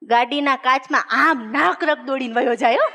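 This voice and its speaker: A woman's voice: high-pitched, moderate pace, very noisy. A woman comedian, telling chatty stand-up jokes and acting out the dialogue of the people in them. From Gujarat, India. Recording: long hall reverb.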